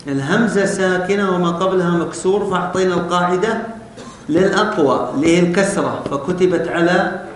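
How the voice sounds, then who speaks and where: A male teacher explaining spelling rules step by step to a class, often asking them questions. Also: fairly quick. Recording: very echoey room with faint rumble.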